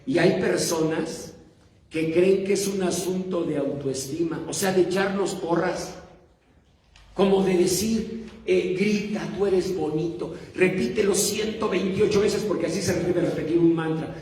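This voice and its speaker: Male pastor, sermon, storytelling with joking asides, high voice, heard from afar in a big echoing hall. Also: fairly even intonation, a little mellow, recorded from a distance. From Mexico. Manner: storytelling with quick humorous asides and audience questions.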